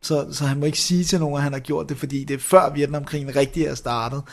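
A man's voice: on the high side, fairly even intonation. A man co-hosting a casual film review show, talking enthusiastically with lots of hesitations. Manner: enthusiastic, many fillers and restarts. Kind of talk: casual chat reviewing films.

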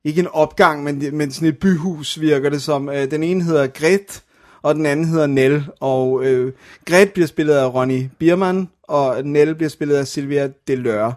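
A man co-hosting a relaxed film chat, walking through a plot at length. He talks slightly high and pauses to search for words. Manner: explains plots at length, hesitant. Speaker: podcast co-host. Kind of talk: casual film-review chat.

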